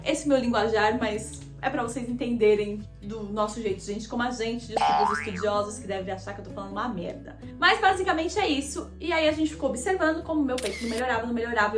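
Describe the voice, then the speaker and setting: In a reverberant recording, a young Brazilian woman with a Brazilian Portuguese accent chats confessionally to camera about something personal, speaking straight to her viewers as "gente." Her voice has a fairly high pitch.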